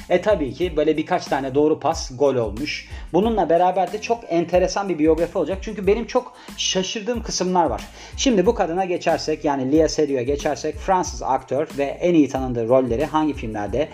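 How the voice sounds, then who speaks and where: A young man with a slightly high voice chats away in a loose, rambling monologue, tossing in jokey asides and talking to himself. Faint music plays underneath. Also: darkish tone. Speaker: vlogger presenting a celebrity biography. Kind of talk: casual chatty monologue.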